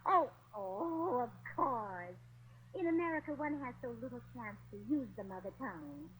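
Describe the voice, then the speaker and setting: In a lightly acted, giddy 1940s radio-comedy style, a woman plays a scatterbrained American wife faking a posh English manner, with chirpy, muddled slang like blimey and governor. Her voice is a little high with lively intonation at a moderate pace, on a low-quality recording with a little hiss or hum.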